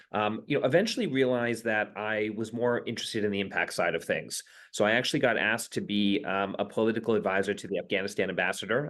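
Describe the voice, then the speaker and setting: A man answering interview questions as a company founder, brisk and emphatic, with frequent filler sounds. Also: on the low side, fairly bright tone.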